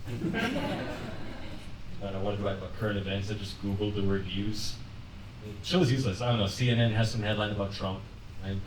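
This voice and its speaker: A young man doing a conversational, deadpan stand-up set on a comedy club stage, laughing lightly at his own lines. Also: on the low side, brisk, pauses often, background noise. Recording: roomy club sound from a distance, with audience laughter. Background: audience laughing.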